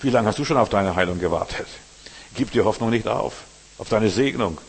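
A male pastor delivering a sermon with a husky, slightly rough voice. He drives points home by repeating them and drops suddenly to near-murmurs before rising again. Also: fairly quick. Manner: preaching with emphatic repetition and sudden shifts between loud calls and low murmurs.

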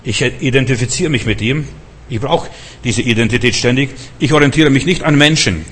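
Husky middle-aged guy preaching, keeps firing questions at the crowd, fairly ordinary pitch. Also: normal speed, fairly bright tone. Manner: urgent, repeated rhetorical questions. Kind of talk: sermon.

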